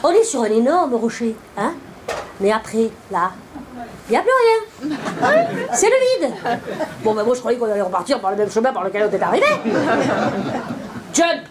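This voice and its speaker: A woman's voice: fairly high pitch, big pitch swings, a little fast, long pauses, over a noisy crowd, very noisy. A middle-aged woman comedian telling a self-mocking story on a theater stage. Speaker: stand-up comedian. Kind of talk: stand-up storytelling. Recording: live theater with loud audience laughter.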